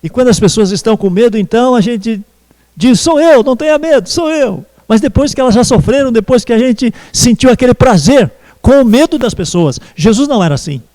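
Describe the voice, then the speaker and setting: High-voiced preacher in an echoing church. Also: male voice, expressive, warm tone. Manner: slow, measured preaching with pauses. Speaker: pastor. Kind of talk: sermon.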